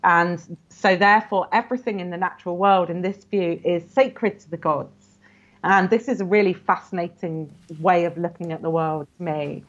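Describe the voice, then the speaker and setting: A woman's voice: lowish voice, moderate pace. Woman scholar explaining with muffled audio. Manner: earnest, explanatory, frequent "you know". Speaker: guest scholar. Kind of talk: academic interview.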